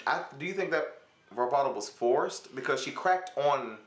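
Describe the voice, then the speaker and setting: A man's voice: medium pitch, expressive, slight background noise. A man working as a vocal coach who chats casually in a reaction video. He readily agrees with his co-host and picks up his words. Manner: agreeable, quick to echo and back up his co-host.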